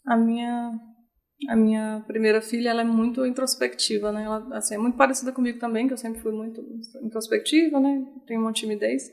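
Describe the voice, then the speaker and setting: A woman, a podcast host speaking softly and reflectively in casual chat. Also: a little high.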